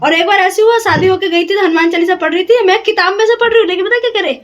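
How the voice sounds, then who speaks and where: A woman's voice: very high voice, very fast, highs cut off. A young woman telling family stories in casual chat, laughing often and mimicking her relatives. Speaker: storyteller.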